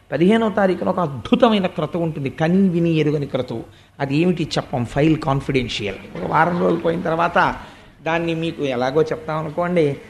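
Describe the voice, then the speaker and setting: A man giving a devotional sermon and telling a story in an emphatic way, stretching words for emphasis. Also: a little high. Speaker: religious discourse speaker.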